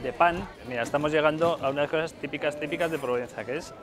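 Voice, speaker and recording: A fairly high-pitched, fast-talking man from Aragon, Spain, speaks with a Spanish accent amid crowd noise. As a featured guest, he gives a casual, conversational guided tour outdoors, explaining the airfield and village streets as he shows the area.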